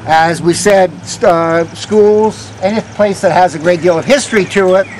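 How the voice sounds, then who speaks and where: An older man with a fairly high voice works as a walking tour guide, telling local stories in a conversational, halting way. His phrases often trail off softly. He is recorded outdoors, with faint street noise behind him. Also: low-quality recording. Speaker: ghost walk guide, former vice principal. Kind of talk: live storytelling to a walking tour group.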